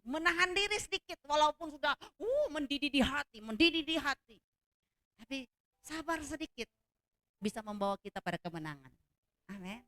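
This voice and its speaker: A woman pastor preaching a sermon in a loud, animated storytelling manner, often calling out hallelujah. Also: a little high, clear, resonant tone, no room sound. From outside Java.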